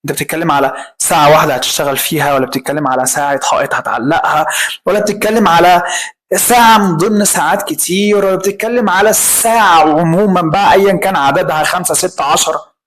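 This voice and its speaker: A man speaking with an Egyptian Arabic accent teaches an English grammar lesson. He talks emphatically, fires off rhetorical questions and stretches his example words out slowly. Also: on the high side, steady tone, a bit bright, low-quality recording.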